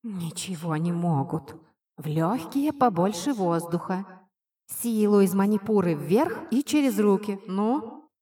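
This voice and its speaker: A woman's voice: mid-range voice, animated, measured pace, dark tone, lightly acted. A woman voicing a cheeky invisible male spirit that turns into a tiny winged kitten, speaking in a nasal whisper with a teasing, condescending manner, in an audiobook reading. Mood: mocking. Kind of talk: audiobook narration.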